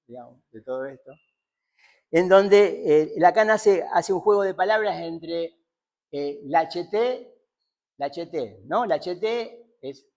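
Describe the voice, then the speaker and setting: A man's voice: on the high side, darkish tone. Man lecturing, frequent tag questions. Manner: thinking aloud with many fillers, repeated tag questions. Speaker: seminar lecturer on psychoanalysis. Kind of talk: spoken seminar lecture.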